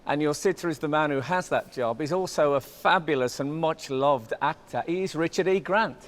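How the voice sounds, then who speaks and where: A man hosting a TV art competition, talking lively and playful to artists and sitters. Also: on the high side, moderate pace, heavy background noise. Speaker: host. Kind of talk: presenting a TV competition. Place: indoor gallery studio.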